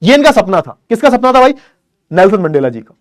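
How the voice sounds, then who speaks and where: Male online tutor, high pitch, dead-dry mic, question-and-answer lecturing with lots of repetition. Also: big pitch swings, fast talker, no room sound. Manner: explains by asking and answering his own questions; repeats key phrases, calls students beta. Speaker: teacher.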